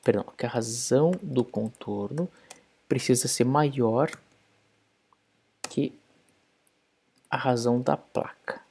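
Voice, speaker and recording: A man's voice: medium pitch, slow, vocal fry, pauses often, darkish tone, husky. A man explaining code step by step in a programming tutorial screencast. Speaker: programming instructor.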